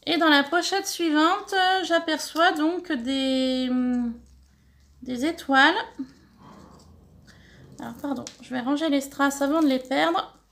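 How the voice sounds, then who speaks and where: A middle-aged woman from France hosting a scrapbooking channel, chatting warmly as she opens fan mail, thanking senders and sometimes stumbling over her words. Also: high voice, slow, long pauses. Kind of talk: casual mail-opening vlog.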